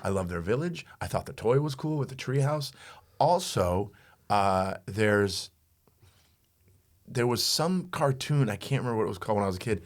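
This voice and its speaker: Male comic co-host, forties, very animated intonation, playful and giggly. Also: on the low side, moderate pace. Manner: animated, laughs often, breaks into sung snippets. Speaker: podcast co-host and comedian. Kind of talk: casual comedic chat.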